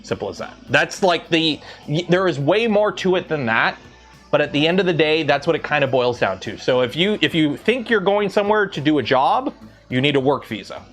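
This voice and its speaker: This 3D printing livestreamer, a man in his thirties from Southern Ontario, has a light local Canadian accent and rambles casually with plenty of fillers. His fairly high voice is animated and a little fast. Faint music sits in the background.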